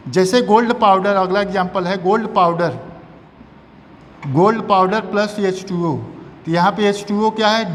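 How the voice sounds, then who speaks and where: A man teaching a chemistry lesson, repeating terms and asking and answering his own questions. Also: high voice. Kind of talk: classroom lecture. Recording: long reverb, faint background noise.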